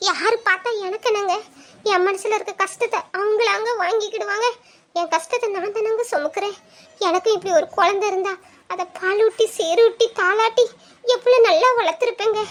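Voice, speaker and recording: [name], a woman playing a very high tearful young wife. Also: moderate pace. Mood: sorrowful. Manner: pleading, tearful.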